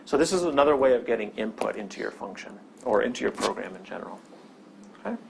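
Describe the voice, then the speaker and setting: A man's voice: lowish voice, expressive, fast, vocal fry, a little hiss or hum. A man teaching a programming lesson over a screen recording, explaining step by step and often checking in with "okay?". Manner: explanatory, with many "okay?" check-ins and restarts. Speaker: programming instructor.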